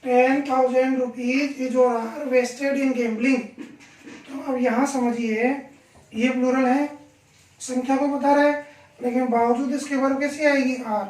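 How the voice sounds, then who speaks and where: A man teaching a grammar lesson in a classroom, his voice pitched high. He keeps asking the class questions and slowly repeats each example. The sound is roomy and echoing, picked up from across the room. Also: level tone, a little mellow. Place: classroom with a board. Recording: echoey room, voice from far off.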